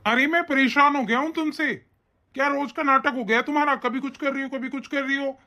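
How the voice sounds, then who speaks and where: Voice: high voice, fairly even intonation, brisk. A voice actor doing a short-tempered cartoon husband. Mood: exasperated. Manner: scolding, shouting, complaining. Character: irritable young husband, short-tempered and rude. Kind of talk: cartoon voice acting.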